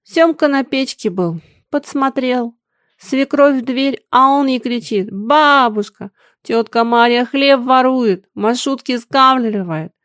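A woman's voice: high voice, takes it slowly, fairly bright tone, no room sound, clean studio sound, pitched above the performer's own voice. A woman voicing a poor, grieving peasant mother who speaks in plaintive, sighing folk speech.

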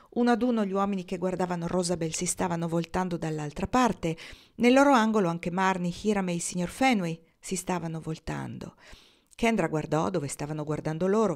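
A woman with a lowish voice narrates a historical novel in a measured, expressive way. She keeps a steady audiobook pace and shapes each scene with calm control. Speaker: audiobook reader. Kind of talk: novel read aloud.

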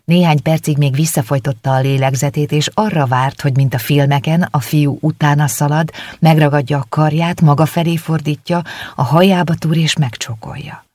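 An audiobook narrator telling a novel in a calm, steady way. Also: medium pitch, no echo. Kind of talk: scripted narration. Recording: dry close recording.

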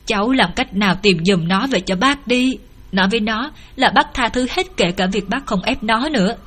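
A woman's voice: a little high, animated, moderate pace, a bit bright, breathy edge. A woman narrator voicing a worried middle-aged mother who pleads tearfully for help finding her runaway daughter. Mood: pleading.

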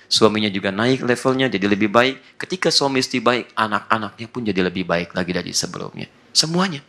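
Bright-voiced animated male preacher. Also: mid-range voice. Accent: Indonesian. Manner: animated, acts out husband and wife, jokes with the audience. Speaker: Islamic preacher. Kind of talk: lively sermon to a live audience.

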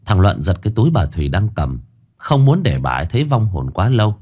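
A man narrating a ghost story in an expressive storytelling manner. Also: on the low side, fairly quick, breathy edge.

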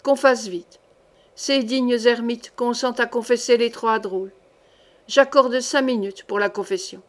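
A woman's voice: fairly high pitch, fairly even intonation, unhurried, natural voice. A woman reading the part of a stern medieval duke who gives curt, commanding orders.

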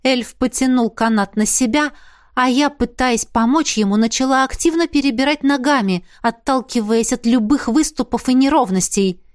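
A woman's voice: high voice, moderate pace, no echo. Dry, close woman audiobook narrator. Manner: expressive, breathless in tense moments. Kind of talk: first-person fantasy audiobook narration.

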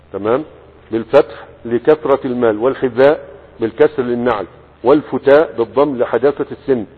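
A man with an Egyptian Arabic accent teaches a classical morphology text in a slightly husky voice. He moves between reading the book and casual colloquial explanation, often asking students if they follow. The sound is thin and phone-like, with a long echo from a hall. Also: medium pitch. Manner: reads the text, then explains in colloquial asides with checks to students.

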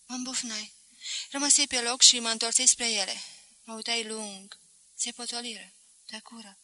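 A woman narrating a novel as an audiobook reader, in a measured, expressive way. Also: fairly high pitch, no room sound, poor audio. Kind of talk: scripted narration.

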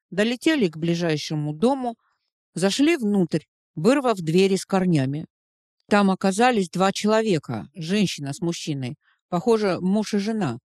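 A woman's voice: medium pitch, a little mellow, no echo, studio quality. Woman narrating a dramatic audiobook.

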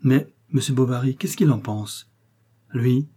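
A man voicing a coarse, bustling older country priest who talks loudly and jovially. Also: mid-range voice, a little slow, husky. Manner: loud, jovial, scolding.

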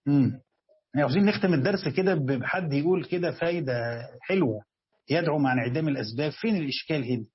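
An Egyptian sheikh teaches a lesson in a husky, slightly high voice, talking quickly. He reads passages slowly, then explains them in dialect and presses his students with questions. The recording sounds dull and lo-fi. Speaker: sheikh teaching Quran commentary. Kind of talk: classroom lesson.

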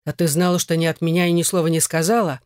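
A gruff, resentful husband in an audiobook, as the narrator reads him. He speaks at about the reader's own pitch. The recording is dry and close. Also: level tone, quick pace, a little mellow, no echo, close to an everyday voice. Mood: stern. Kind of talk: audiobook character voice.

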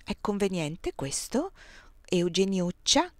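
A woman reading the lines of a gallant, measured male emperor in an audiobook. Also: mid-range voice, very animated, no room sound. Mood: courtly. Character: Napoleon, male emperor, courtly and teasing.

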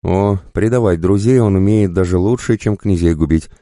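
A man's voice: low voice, expressive, moderate pace, warm tone, no echo, studio quality, voice pushed up. A man voicing a sly, cruel bandit who goads and mocks. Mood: goading. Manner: jeering, goading.

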